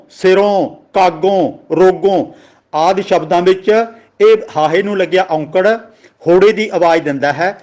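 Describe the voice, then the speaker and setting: A male teacher of scripture grammar with a Punjabi accent gives a religious grammar lesson. He speaks slowly and deliberately in a high, slightly mellow voice, spelling words out letter by letter and explaining how they are pronounced.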